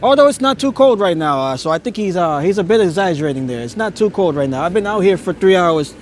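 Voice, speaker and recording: With a fast, animated, high voice, a male streamer shows off holiday lights along a nighttime neighborhood street, sounding awestruck, laughing often and sometimes stammering. Recorded on a phone on a handheld gimbal, the audio carries a little hiss or hum.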